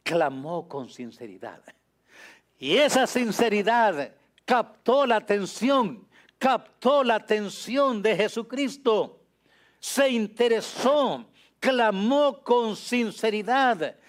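A man preaching a sermon in an emphatic way, repeating key phrases and often dropping to a low, soft voice. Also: animated, slow pace.

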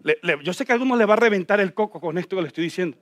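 High-pitched male pastor preaching, dry close mic, asks the church questions, gets loud then hushed. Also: racing, no room sound. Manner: impassioned preaching, swinging from hushed low tones to shouting; addresses the congregation directly with rhetorical questions. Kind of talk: sermon.

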